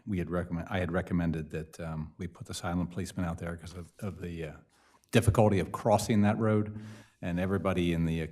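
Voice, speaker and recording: A committee member giving a casual, plainspoken update at a city meeting, with many uhs. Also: male voice, deep voice, a little mellow.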